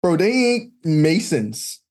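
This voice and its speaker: Higher-pitched Caribbean man, slangy and emphatic. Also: big pitch swings, slow, darkish tone. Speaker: podcast host. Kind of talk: casual Bible study chat with scripture read aloud.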